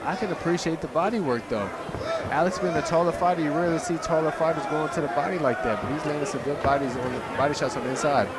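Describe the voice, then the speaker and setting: A man's voice: on the high side, fast talker. A man giving casual, emphatic live boxing analysis as a colour commentator, repeating phrases for stress. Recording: loud music and crowd behind.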